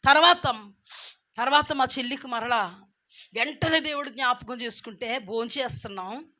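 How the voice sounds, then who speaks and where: A high-pitched woman of middle age gives a church testimony. Her voice is bright and ringing. She drifts between hushed, tearful storytelling and loud, fervent preaching. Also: normal speed. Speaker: testimony speaker.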